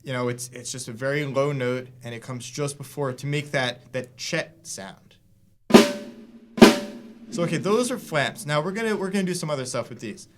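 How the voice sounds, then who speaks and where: Relaxed man teaching drums. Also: mid-range voice, normal speed, music in the background. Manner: relaxed, explains with fillers and restarts. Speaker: drum teacher. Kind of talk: casual instructional talk. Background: drum hits between lines.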